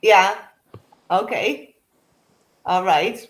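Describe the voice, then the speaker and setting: A woman's voice: medium pitch, very slow, reverberant, a little hiss or hum, low-quality recording. A woman co-hosting a casual live vlog chat. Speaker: vlogger, live chat co-host.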